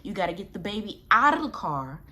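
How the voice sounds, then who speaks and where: A woman's voice: medium pitch, sing-song, a little fast, pushed and bright. A young adult woman and new mother giving casual, reassuring advice to camera in a chatty, slangy way.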